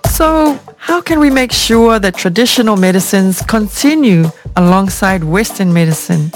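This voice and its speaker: A woman from Samoa hosting an interview, asking questions with warm interest. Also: medium pitch, animated, normal speed, faint music behind. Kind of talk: broadcast interview.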